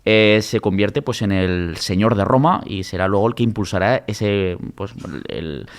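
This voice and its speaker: A man's voice: on the low side, a little slow. A man with a Spanish accent hosting a podcast, asking hesitant questions and ending on tag questions. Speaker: podcast host. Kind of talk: interview questions.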